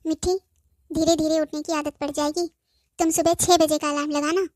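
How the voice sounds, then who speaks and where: A woman voicing a patient, gently firm cartoon mother-in-law who coaxes softly and keeps saying "beta". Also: high voice, flat delivery, moderate pace, no echo, clean studio sound, close to an everyday voice. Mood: coaxing. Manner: soft, coaxing, says "beta" often. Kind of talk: cartoon voice acting.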